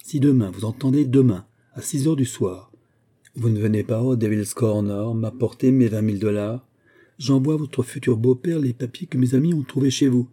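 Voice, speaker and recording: A man reading a storybook voices a suave, ironic gentleman thief who is coolly polite and menacing. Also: medium pitch, moderate pace, breathy edge, natural voice. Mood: ironic menace.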